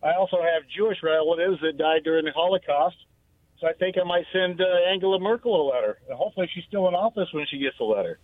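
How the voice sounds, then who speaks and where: Radio call-in caller, male, a touch high, wry and halting, thin phone-line sound. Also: no echo. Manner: hesitant, wry, trails off with fillers. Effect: phoned-in voice on a call-in radio show. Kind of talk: casual call-in chat.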